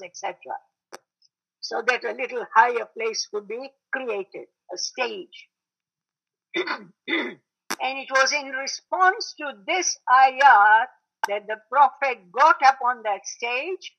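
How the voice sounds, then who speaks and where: A woman with a high voice gives a religious history lecture. She explains patiently, repeats points for stress, and pauses on fillers. The recording sounds muffled and lo-fi. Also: pushed and bright. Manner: explanatory, with emphatic repetition; frequent fillers and throat clearing. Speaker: religious studies teacher. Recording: dull lo-fi recording.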